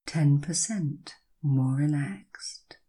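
A woman with a low, breathy voice guides a listener through hypnosis. She speaks very slowly, in soothing, drawn-out phrases broken by long pauses. Her tone is mellow and soft.

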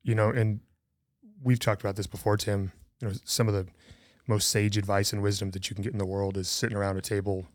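A man's voice: on the low side, flat delivery, fast, darkish tone, dry recording, studio quality. A man speaking earnestly and emphatically in a casual podcast conversation. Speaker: podcast co-host.

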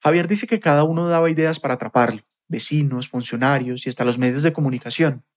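A man narrating a scripted documentary podcast in a measured, storytelling delivery. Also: medium pitch. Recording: faint music bed.

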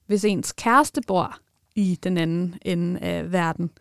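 A woman's voice: on the low side, clear, resonant tone, no room sound, studio quality. A woman hosting a casual podcast chat, giving short, supportive, affirming replies.

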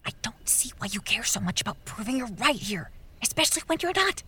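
A woman's voice: on the high side, sing-song, fairly quick, pushed and bright, breathy edge, heavily acted. A woman as a brash, sweary young leader. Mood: ranting. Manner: blunt, sweary and exasperated. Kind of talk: audio drama acting.

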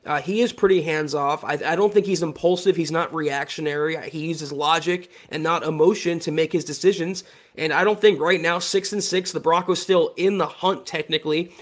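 A man with an American accent co-hosting a sports show, explaining his analysis in a casual, measured, conversational way. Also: a little high, fairly even intonation. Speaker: sports livestream co-host.

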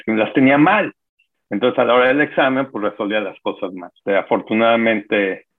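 A man in his sixties with a Mexican accent, a guest calmly telling his life story in an interview. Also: lowish voice. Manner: unhurried, reflective storytelling with pauses. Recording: phone-like narrow audio with music.

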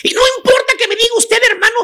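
A man's voice: extremely high pitch, rapid-fire, bright, forceful tone. A man with a Mexican accent playing a preachy, know-it-all love advisor on a comedy radio show, teasing and full of slang. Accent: Mexican Spanish. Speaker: comic radio host.

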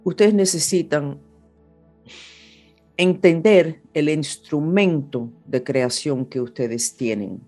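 Slow and warm, her low-pitched voice carries an unscripted talk on horoscopes and spirituality for an audience. The woman, an astrologer, speaks Spanish as a second language, with music behind her.

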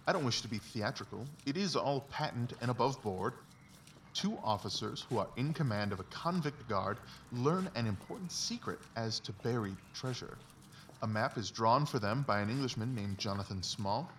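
A man performs a confident Victorian detective in a dramatised literary audiobook, laying out his reasoning like a lecture, precise, emphatic and brisk with assurance. His mid-range voice is expressive and a bit bright at a moderate pace. The distant mic picks up faint background noise.

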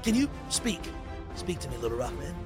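A man's voice: on the high side, very animated, brisk, music in the background, pitched below the performer's own voice. A man voicing a cocky, joking sword-turned-man fighter with a playful swagger in a tabletop game. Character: cocky, jokey cool-dude fighter, sword cursed into man.

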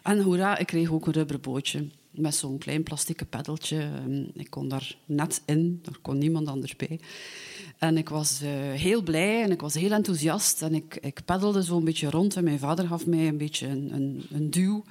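Low-voiced Flemish woman telling a story. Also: moderate pace. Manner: lively, with frequent hesitations. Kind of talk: personal anecdote told aloud.

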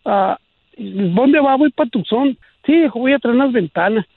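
High-pitched man with a Chicano border accent. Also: animated, breathy edge, no echo. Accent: northern Mexican border, Chicano. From Naco, on the Sonora-Arizona border. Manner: slangy, halting, repeats himself. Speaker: radio show caller. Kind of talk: casual chat, telling personal stories. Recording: muffled, thin, dry phone-like sound.

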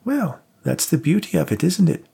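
A man voicing a spiteful, murderous old woman with a shrill, scolding voice in an audiobook. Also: very animated, normal speed, vocal fry, warm tone, breathy edge, heavily acted. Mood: scornful.

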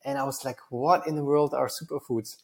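A man's voice: mid-range voice, fairly even intonation, brisk. A man in his thirties from Germany, speaking with a German accent. He is a guest entrepreneur in a casual interview, earnest and talkative, often repeating a word as he restarts a phrase.

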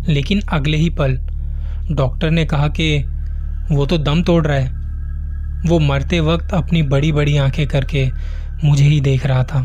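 A man reading a horror story as suspenseful first-person narration, slow and measured. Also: fairly high pitch.

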